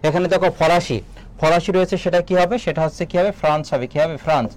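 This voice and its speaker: A young man teaching a live online exam-prep class, asking quick questions and reading out viewers' comments. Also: on the high side, a little mellow, slight background noise. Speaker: admission coaching teacher.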